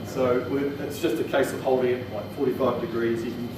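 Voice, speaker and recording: This New Zealand-accented man speaks at a medium pitch with a level tone and a brisk pace. He's delivering a casual technical talk in an indoor training room, plain-spoken and a bit hesitant. The sound is noisy and echoey, picked up by a far-off microphone.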